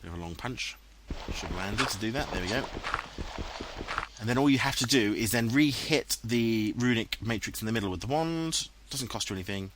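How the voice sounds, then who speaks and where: Speaking in a lowish, animated voice at a slightly fast clip, an English-accented man gives casual, self-mocking commentary over his own gameplay footage as a let's play commentator. The recording is very noisy. He voiced it later in a home room on a headset, and it was dubbed in post-production.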